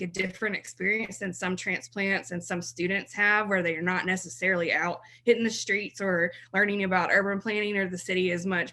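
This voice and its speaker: A woman in her thirties from South Mississippi, a blog writer, appears as a podcast interview guest. Her mid-range voice has a sharp tone, and she's chatty and laughs easily.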